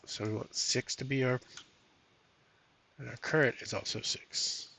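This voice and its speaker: A man's voice: mid-range voice, fairly even intonation, measured pace, gravelly, sharp tone. A man streaming a solo tabletop game, reading rules and chatting casually to viewers, thinking aloud with many fillers. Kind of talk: casual live-stream chat.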